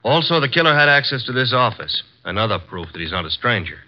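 A natural, mid-range voice with a sing-song lilt belongs to an actor playing a brisk male assistant detective in a 1950s radio drama. The character is matter-of-fact, wry and quick with a wisecrack, and the old broadcast audio is muffled.

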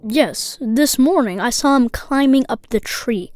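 A woman's voice: on the high side, lively intonation, unhurried, background noise. A woman voicing a young boy who calls into a show, speaking with blunt, simple childlike phrasing. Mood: earnest. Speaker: caller.

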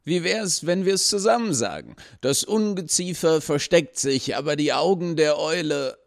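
Guy doing a jittery high-voiced doorman in a storybook, stammers and begs. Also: lively intonation, unhurried, vocal fry, dry recording, clean studio sound. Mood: pleading. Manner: pleading, flustered, stammering. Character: nervous masked male gatekeeper.

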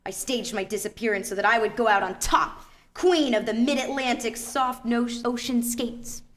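A woman's voice: a little high, normal speed, lightly acted. A woman voicing a vain, scheming middle-aged female skate crime boss in a comedic radio play, theatrical and grandiose. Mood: boastful.

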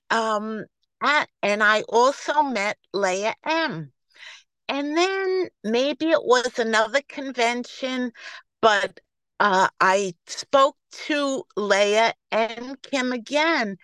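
A woman in her seventies with a New York accent, sharing her personal story slowly on a video call, with restarts. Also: fairly high pitch, smooth, no echo, poor audio. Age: 70s. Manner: slow, warm-hearted, halting with restarts.

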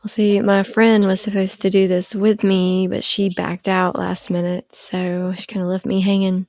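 A woman's voice: medium pitch, little pitch movement, darkish tone, no room sound. A woman chatting from home on her laptop, mostly answering in short replies. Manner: slow, short backchannel replies. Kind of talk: casual chat.

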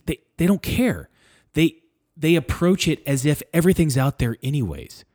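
A man's voice: mid-range voice, a little mellow, dry recording, studio quality. A man in a casual discussion who thinks aloud, restarting and correcting himself as he goes.

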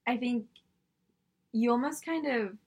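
A woman's voice: a little high, measured pace, breathy edge. Reflective woman from Singapore. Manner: reflective, many "like" fillers. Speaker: podcast co-host. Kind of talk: casual conversation.

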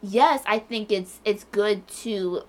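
A woman's voice: medium pitch, takes it slowly. A young woman co-hosting a podcast, talking casually and telling stories with acted-out quotes. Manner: animated storytelling with frequent laughter and acted-out quotes. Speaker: podcast co-host. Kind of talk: casual chat.

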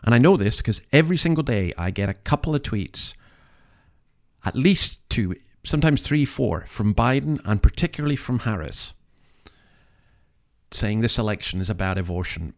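A man's voice: on the low side, lively intonation, normal speed. Earnest man giving opinionated commentary. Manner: emphatic, earnest, moralising, with rhetorical questions. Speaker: commentary podcast host.

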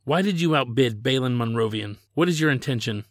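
A man's voice: medium pitch, lively intonation, a little fast, dry recording, lightly acted. Man voicing a curt, disdainful young princess. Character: proud young woman, princess rejecting a suitor, disdainful.

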